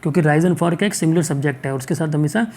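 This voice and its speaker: A male teacher going through exam questions, reading the English sentences out slowly and checking in often to ask whether it is clear. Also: on the high side, darkish tone. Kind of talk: exam-prep lesson.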